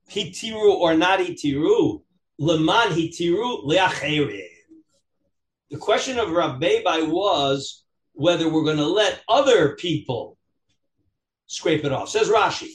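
High-voiced man teaching. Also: roomy sound. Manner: animated, questioning, acts out examples in dialogue. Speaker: rabbi teaching a Talmud class. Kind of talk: interactive text lesson, reading aloud and explaining.

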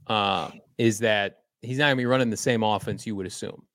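A man's voice: lowish voice, fairly quick, a bit bright, no room sound, studio quality. A man co-hosting a live sports podcast, chatting casually in an upbeat, folksy way. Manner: upbeat, folksy sign-offs. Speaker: podcast co-host.

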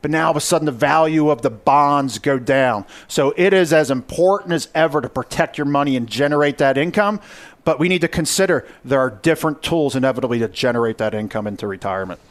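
A man's voice: a little high, lively intonation, fast. A man co-hosting a financial radio show, steadily explaining with figures.

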